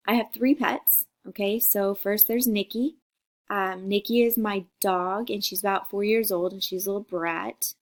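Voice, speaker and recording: A woman in her forties from Costa Rica, a teacher talking students through a class introduction video in a friendly, chatty way. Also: mid-range voice. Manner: friendly, chatty, checks in with "okay?".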